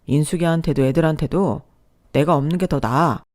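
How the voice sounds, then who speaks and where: A woman's voice: sits low, a little fast, a little mellow, close to an everyday voice. A woman reading the part of a callous middle-aged husband who speaks curtly and dismissively. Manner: dismissive, curt.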